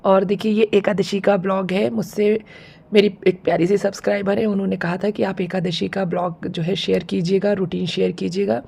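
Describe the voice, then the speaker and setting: A woman with a sore, hoarse throat chatting casually through a home vlog, explaining things step by step. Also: mid-range voice, little pitch movement, fairly quick, mellow. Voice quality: gravelly, husky. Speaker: home vlogger.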